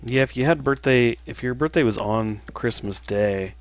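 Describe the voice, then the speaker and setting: In a dry recording, a man in his thirties with a mid-range voice chats through a livestream as he plays. He's a game developer responding to viewers, easygoing and halting, with plenty of fillers.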